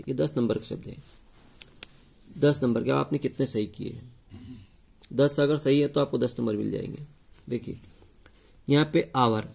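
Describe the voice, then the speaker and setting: A male teacher with a medium-pitched, gravelly, somewhat mellow voice goes over test answers with students. He often poses a question to the class, then answers it himself, repeating key points as questions.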